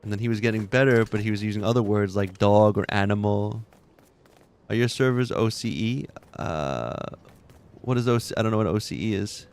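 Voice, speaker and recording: This streamer speaks in a low, slightly mellow, clean-toned voice at normal speed. Gaming from his room, he chats casually with viewers and laughs through rambling stories full of restarts.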